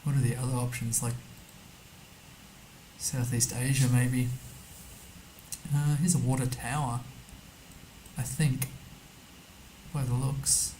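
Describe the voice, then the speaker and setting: A man's voice: mid-range voice, level tone, slow, pauses often, warm tone, a little hiss or hum, low-quality recording. A man streaming a map game, thinking aloud casually as he mutters guesses and reads numbers to himself. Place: indoor streaming setup.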